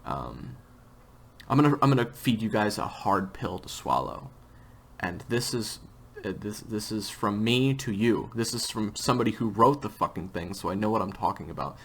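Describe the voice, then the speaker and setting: A man's voice: fairly low pitch, lively intonation, normal speed, creaky, a bit bright, slight background noise. A man hosting a casual interview chat, speaking in a frank, blunt and emphatic way. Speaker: writer, voice actor and host of the series.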